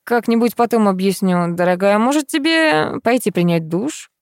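A woman's voice: medium pitch, animated, moderate pace, no echo, voice pushed up, natural voice. Woman playing a fed-up young husband, pedantic, irritated, dry close sound. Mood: exasperated. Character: exasperated young husband arguing over money.

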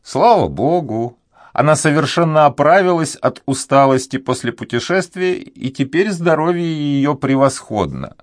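A man voicing an elderly devout Spanish duenna who pleads and sighs, raising his voice high for her. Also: lively intonation, normal speed, no room sound, studio quality, close to an everyday voice. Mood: earnest pleading. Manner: sighing, pleading, high raised voice. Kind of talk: audiobook character reading.

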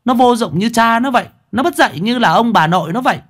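A man's voice: very high voice, animated, fast, fairly bright tone, voice pushed up, heavily acted. A man voicing a cruel young mother in a told ghost story, screeching abusive insults. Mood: scornful. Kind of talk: storytelling with character voices.

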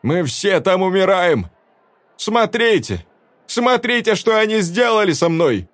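A man reading a story aloud voices a desperate young woman who shouts through tears at a cowering crowd. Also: medium pitch, sing-song, a little slow, no room sound, voice pushed up. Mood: furious accusing. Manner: shouting, tearful, defiant.

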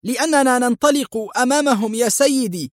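A man voicing a jittery driver in an audio thriller, his voice pushed far higher than usual and tight with worry. He answers his boss in quick, uneasy bursts, recorded close and dry. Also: dry recording. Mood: anxious. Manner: anxious, respectful to his superior. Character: nervous hesitant male car driver.

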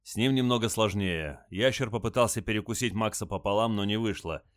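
A man's voice: on the low side, a little fast, dry recording, studio quality, close to an everyday voice. A man voicing a stern, commanding starship captain in an audiobook. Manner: firm, commanding.

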